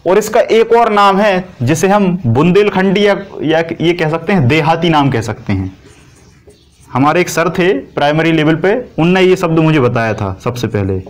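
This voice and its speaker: Higher-pitched man teaching a class. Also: lively intonation, moderate pace. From India. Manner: repetitive, asks and answers own questions. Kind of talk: coaching class lecture.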